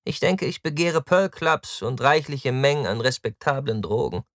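A man's voice: mid-range voice, lively intonation, normal speed, no echo, studio quality, voice pushed up, natural voice. A man voicing a careless, drug-loving young nobleman who drawls and mocks theatrically, in an audiobook. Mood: mocking.

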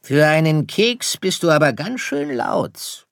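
A man voicing a sly, hungry fox who talks in a coaxing, drawn-out way. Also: fairly high pitch, lively intonation, gravelly, dry recording, clean studio sound, pitched above the performer's own voice, exaggerated voice. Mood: teasing.

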